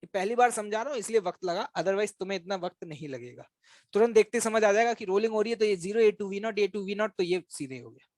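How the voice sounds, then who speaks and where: A male physics teacher with a high, slightly mellow voice lectures a class, coaxing and teasing as he fires quick questions to check that students are following. The recording is dry.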